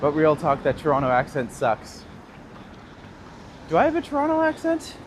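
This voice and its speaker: Walking outdoors on a city street, a Northern Ontario–accented man in his thirties streams live, laughing and fielding viewer questions in easygoing chat as a tour guide. His slightly high voice takes huge swings in pitch at a moderate tempo, over faint traffic noise.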